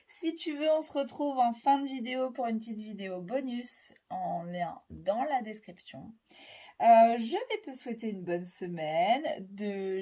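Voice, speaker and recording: A woman's voice: mid-range voice, warm tone. A French-accented woman giving a casual weekly tarot reading, rambling and hesitant with many fillers. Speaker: tarot reader.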